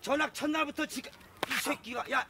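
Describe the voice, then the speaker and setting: A man's voice: very high-pitched, steady tone, fairly quick. An actor playing a hot-tempered man who curses and berates a boy. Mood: berating. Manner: cursing, scolding. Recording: noticeable background noise.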